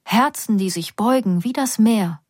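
A woman voicing a tender, playful middle-aged mother who speaks softly and slowly to comfort her daughter. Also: sing-song, dry recording, clean studio sound. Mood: whispered comfort. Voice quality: soft and gentle, sometimes near a whisper. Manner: slow soothing delivery, turning high and cheerful.

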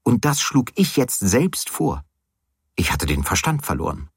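Husky-voiced man narrating a novel. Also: medium pitch, very animated, measured pace, dry recording, studio quality. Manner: wry, hesitant first-person storytelling with quiet, voiced dialogue. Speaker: audiobook reader. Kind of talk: literary audiobook narration.

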